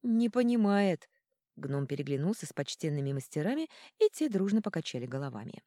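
A woman reading a fantasy audiobook in an animated, theatrical way on a close mic. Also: low voice, quick pace, no echo. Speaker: audiobook narrator. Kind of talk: expressive audiobook narration.

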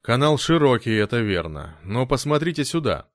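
Guy playing a calm butler, gentle but firm, even and sure, audiobook. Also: medium pitch, normal speed, no room sound, clean studio sound, natural voice. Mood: assured.

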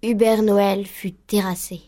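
A woman storyteller narrating a tale in a lively, vivid way. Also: medium pitch, takes it slowly.

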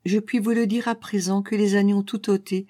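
A woman reading the part of a proud, wounded young woman who speaks softly and sadly. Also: mid-range voice, level tone, fairly quick, dry recording, studio quality, close to an everyday voice. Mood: sad tender.

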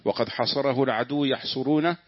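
A man's voice: medium pitch, a little fast, no echo. A man reading a classical commentary aloud to his teacher in a lesson. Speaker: student reading the text aloud. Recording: dull lo-fi dry recording.

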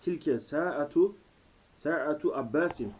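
A man reading aloud and translating haltingly, word by word, as a language student, recorded on an old worn cassette. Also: on the high side, a little mellow, a little hiss or hum. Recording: muffled old cassette tape.

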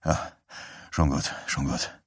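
A man voicing a stunned, heavyset middle-aged father who speaks quietly and curtly. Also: a bass voice, flat delivery, measured pace, husky, no echo, studio quality, voice pushed down, full character voice. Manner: quiet, dazed, curt.

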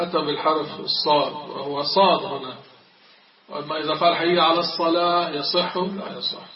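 A middle-aged man gives a religious lesson on Quran recitation, reciting examples aloud and answering his own questions. His voice sits a little high. The recording is dull and lo-fi, with the speaker set well back from the mic in a reverberant space. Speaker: sheikh teaching a religious text. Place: mosque. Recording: echoey, distant, dull lo-fi recording.

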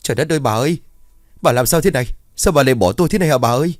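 A man's voice: mid-range voice, expressive, rapid-fire, dry recording, clean studio sound, pitched above the performer's own voice, close to an everyday voice. A man voicing an elderly husband who is crying and wailing over his wife's death. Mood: wailing grief. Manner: wailing, grief-stricken.

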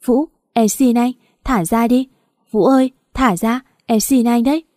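A woman voicing a frightened young woman who pleads in tears, high and loud. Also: fairly even intonation, unhurried, no room sound, studio quality, lightly acted. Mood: pleading. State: tearful, pleading.

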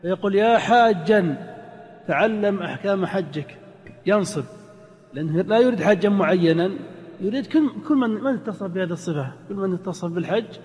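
A man, a sheikh, teaching a grammar lesson to students, reciting examples in a drawn-out sing-song and quizzing the class. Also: high voice, lively intonation, a little mellow. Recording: long-reverb lecture hall.

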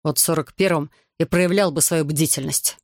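A man's voice: on the high side, fairly even intonation, moderate pace, no room sound, close to an everyday voice. A man voicing a proud, hot-tempered officer who argues insistently. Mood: furious.

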